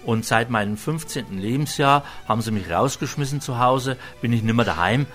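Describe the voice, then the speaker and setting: Talking fairly quickly over faint music, a restaurant chef from Franconia, Germany, explains his cooking in a rambling, homely way with many hesitations. He has a medium-pitched, a bit bright voice and a Franconian German accent.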